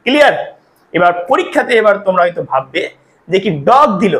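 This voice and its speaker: A man's voice: high-pitched, lively intonation, fast, fairly bright tone, rough recording. A man teaching English grammar to Bengali-speaking students, with a Bengali accent, explaining step by step and often checking that students follow. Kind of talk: grammar lesson.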